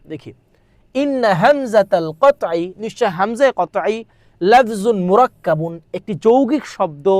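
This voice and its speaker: A madrasa exam tutor with a high-pitched voice teaches an exam-prep grammar lesson on a dry recording. He reads lines aloud, translates and repeats them, and keeps posing rhetorical questions.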